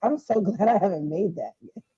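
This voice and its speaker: Muffled man, high lively voice. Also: normal speed, a crowd in the background. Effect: muffled, as if speaking through a pillow or a wall. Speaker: podcast co-host. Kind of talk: casual group chat.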